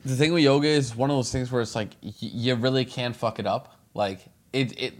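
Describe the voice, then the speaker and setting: A man's voice: mid-range voice, fairly even intonation, fairly quick. A young man chatting casually with friends in a slangy, profane frat bro manner. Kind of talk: casual chat among friends.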